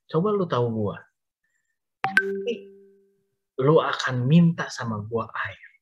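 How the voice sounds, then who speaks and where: A man voicing a calm, knowing man at a well with Betawi Jakarta slang, speaking plainly and steadily. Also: mid-range voice, takes it slowly, highs cut off, background noise.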